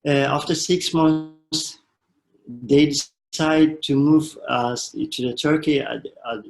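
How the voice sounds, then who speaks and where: A young man from Somalia, a panel guest, tells his refugee story as personal testimony in a panel conversation. His gravelly, slightly high voice has fairly even intonation and comes out halting, with many restarts and fillers. The recording is rough.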